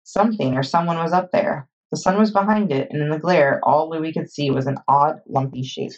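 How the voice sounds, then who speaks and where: A woman librarian reading a children's chapter book aloud in steady storytime narration. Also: sits low, brisk. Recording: dull lo-fi recording.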